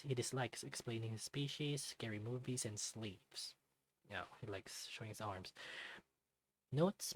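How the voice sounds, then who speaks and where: A man's voice: mid-range voice, rough recording. A man hosting a let's-play, reading a visual novel aloud and chatting casually about what he reads. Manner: chatty and easygoing, reading profile cards aloud with asides. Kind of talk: casual visual novel read-through with commentary.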